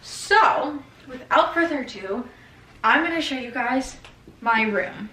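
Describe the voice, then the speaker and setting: Young female vlogger, casual and profane, higher voice, roomy off-mic sound. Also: expressive, slow, recorded from a distance, background noise. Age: 20s. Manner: chatty, swears casually, trails off and restarts. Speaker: lifestyle vlogger. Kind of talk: casual vlog chat. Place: bedroom at home.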